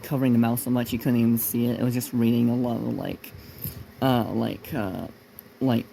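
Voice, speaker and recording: A young man telling a personal story in a casual, unscripted way, halting and rambling as he searches for words. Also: mid-range voice, dark tone, slight background noise, rough recording. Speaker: video creator narrating a personal story.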